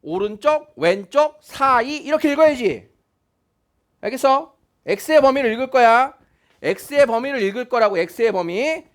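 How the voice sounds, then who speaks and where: Man, math teacher, high pitch, lively delivery, frequent check-in questions. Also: measured pace. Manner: questioning, repeats key points to check understanding. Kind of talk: classroom math lecture.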